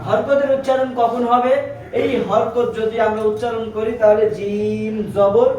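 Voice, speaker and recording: A man's voice: extremely high pitch, level tone, a little slow, a little mellow. A man with a Bangladeshi Bengali accent teaching a Quran class, quizzing students and chanting letter sounds in a sing-song. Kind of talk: call-and-response classroom lesson. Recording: echoey room, far from mic, class audible.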